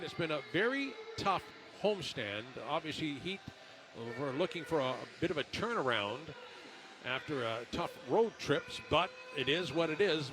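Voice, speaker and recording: A man commentating on a basketball pre-game show as the radio broadcaster, in a conversational, halting way. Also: a little high.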